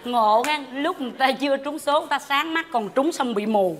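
An actress playing a dramatic, fickle wife in a stage comedy sketch, flipping between nagging and sweet-talk. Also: female voice, high-pitched, brisk, background noise, natural voice. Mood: scolding, mocking.

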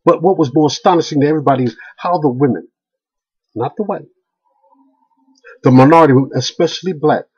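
With a fairly high, slightly rough and a little mellow voice, a middle-aged video blogger speaks briskly but leaves long pauses. He's in a heated webcam rant from a small room, full of stammering restarts and repetition. The dull, lo-fi audio comes from a webcam at close range.

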